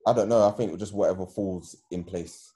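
A man's voice: low-pitched, normal speed, dark tone. A man with an urban London roadman accent, chatting informally in slang among friends. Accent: London, urban street slang. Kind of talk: casual podcast group chat.

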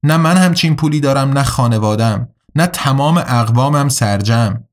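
A man's voice: medium pitch, lively intonation, natural voice. A man voicing a badly injured young warrior in an audiobook, blunt, sardonic and weary. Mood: bitter. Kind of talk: audiobook character reading.

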